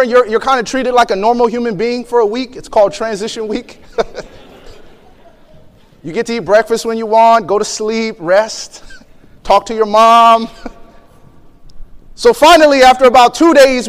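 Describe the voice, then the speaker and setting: A high-pitched man tells a story in a sermon, slipping into the voices of the people he quotes and laughing between lines. His voice rings with the long reverb of a big hall. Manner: vivid storyteller, acts out quotes, laughs often. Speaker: preacher.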